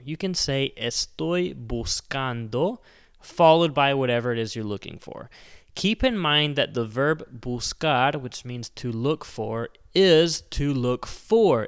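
A young man with a smooth, resonant voice in a middle register hosts a casual Spanish lesson podcast. He speaks in an upbeat, chatty way. He slows down deliberately whenever he models a Spanish phrase. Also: mid-range voice, fairly bright tone. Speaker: Spanish teacher, podcast host.

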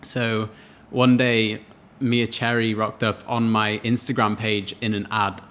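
A man's voice: lowish voice, flat delivery, unhurried, fairly bright tone. A man in his late twenties, co-hosting a podcast and telling a story in casual chat. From Wales. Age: late 20s. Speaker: podcast co-host.

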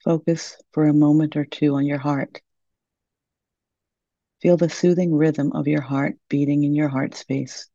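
A woman guides a meditation in a soft, soothing and gentle way. Her voice is mellow, with a creaky edge. The recording is close and dry but somewhat dull and lo-fi. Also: deep voice, level tone, measured pace, no echo.

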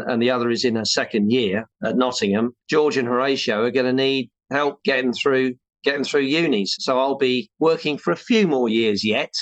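An English chartered building surveyor in his sixties is interviewed as a guest, chatting in a rambling, casual way full of restarts and self-deprecating jokes. His voice is medium-pitched, and the recording has no room sound.

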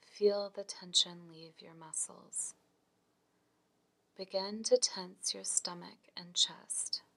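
Slow, soft half-whispering woman guiding relaxation. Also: lowish voice. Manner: soft, breathy, near-whispered delivery; slow, calm, soothing instruction. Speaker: guided relaxation instructor. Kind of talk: scripted guided muscle relaxation.

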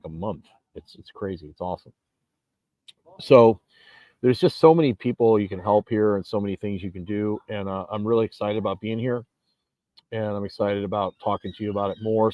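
This is a man in his forties, a vlogger and gym owner, holding forth casually outdoors on a beach in a fairly low voice. His talk is emphatic and meandering, full of restarts, and the lo-fi sound has no echo.

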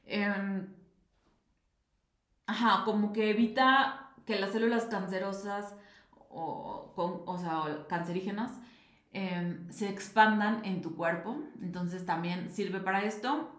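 A young woman talks casually as a podcast host, chatty and animated, full of fillers. Her voice sits at an ordinary middle pitch. The room around her gives a clear echo. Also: takes it slowly. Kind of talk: casual nutrition talk.

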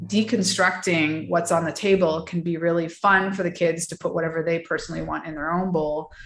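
A woman's voice: on the low side, steady tone, fairly quick. Chatty woman coach, echoey room. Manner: chatty, reflective, many fillers and restarts. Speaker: wellness and mindset coach. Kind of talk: casual podcast interview.

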